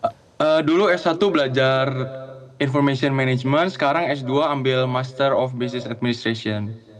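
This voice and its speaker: A man's voice: mid-range voice, moderate pace. A young man from Central Java talking as a guest on a remote call, friendly and a little hesitant, with many fillers. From Central Java, Indonesia. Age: young adult. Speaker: guest, student abroad. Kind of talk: casual chat over a video call.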